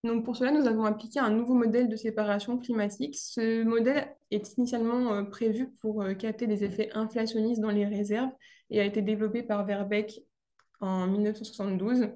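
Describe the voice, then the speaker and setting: A young woman presenting her thesis, speaking in a hesitant way with many pauses and restarts. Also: on the high side, steady tone, mellow.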